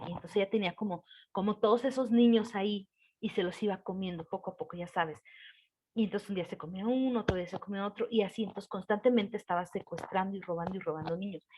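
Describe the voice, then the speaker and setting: Woman, casual storyteller, slightly high voice, hesitant delivery, audible background noise. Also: darkish tone, highs cut off. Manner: hesitant, many fillers, gestures while telling.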